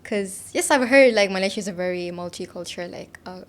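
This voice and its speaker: A woman's voice: mid-range voice, brisk. A young woman, a student guest on a podcast, chatting cheerfully with frequent laughs and fillers like "like" and "you know.". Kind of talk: casual interview chat. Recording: faint background noise in a studio.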